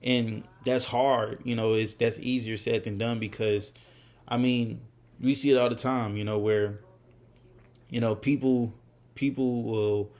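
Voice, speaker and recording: With a medium-pitched, flat, unhurried voice that's a little mellow, this twenty-something man speaks to the camera without a script. He's a vlogger, candid and reflective, and his talk wanders with plenty of fillers and false starts.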